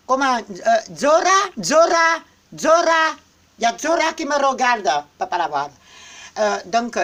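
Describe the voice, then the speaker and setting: A woman running a clothing shop hosts a playful live video, teasing her viewers with mock insults while promoting a Halloween event. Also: mid-range voice.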